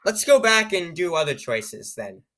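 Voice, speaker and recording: A man reads a strange computer-written story aloud in a high, bright voice, tripping over odd phrases. He breaks off again and again for sarcastic, amused comments on the text. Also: very animated, unhurried. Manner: sarcastic, amused, stumbles over words while reading. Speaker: channel host reading an AI-written story. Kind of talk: reading aloud with joking asides.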